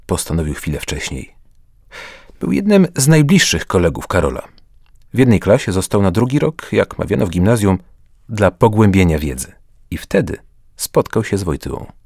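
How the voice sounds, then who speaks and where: A man narrating a story in a lively reading style, raising his voice high for the characters' lines. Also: breathy edge, no room sound, clean studio sound. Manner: animated, lifts pitch sharply for characters' lines. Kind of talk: audiobook narration with voiced dialogue.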